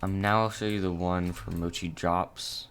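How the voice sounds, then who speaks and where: Young man, monotone, hesitant, faint background noise, casual tutorial voice-over. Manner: halting, filler-heavy, low-key. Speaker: gaming channel host.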